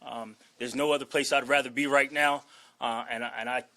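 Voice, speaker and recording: Brisk, bright and forceful, this mid-range voice keeps fairly even intonation. A Washington, D.C. man in his forties, the new head football coach, gives an earnest introductory press conference speech, emphatic throughout, holding back his emotions and dropping in "okay?" and "all right?"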